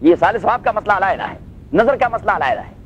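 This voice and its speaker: High-voiced man teaching Quran commentary. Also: big pitch swings, highs cut off, slight background noise. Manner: recites Arabic slowly, then explains and checks with listeners; mixes in English phrases. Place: class in Los Angeles.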